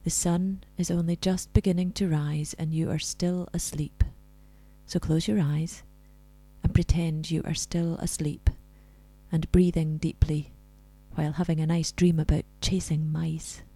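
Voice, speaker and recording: A woman leading a scripted guided relaxation in a soft, soothing, breathy spa-like voice that comes close to a whisper. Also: low-pitched, flat delivery, unhurried, no echo, poor audio.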